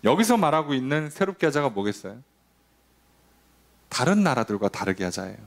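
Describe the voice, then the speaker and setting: The pastor's voice is medium-pitched, creaky and fairly quick as he gives a spirited Sunday sermon. Along the way he asks rhetorical questions and briefly voices the people he's quoting.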